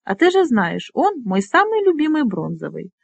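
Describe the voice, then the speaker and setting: A woman voicing a spirited, bossy young woman who leads dragonriders, talking briskly and teasing. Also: fairly high pitch, lively intonation, no room sound, voice pushed up. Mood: commanding.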